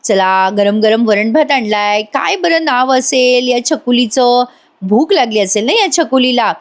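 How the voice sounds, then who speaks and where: A woman voicing a gentle young woman who sweetly coaxes a little girl to eat. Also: high-pitched, animated, normal speed, voice pushed up. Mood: tender. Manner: sweet, coaxing.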